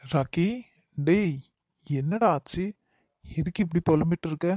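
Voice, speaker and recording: A man's voice: a little high, a little slow, darkish tone, no room sound, studio quality. Man voicing an indignant scolding friend. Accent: Kanyakumari Tamil. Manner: scolding and questioning. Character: indignant young male friend. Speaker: cartoon character.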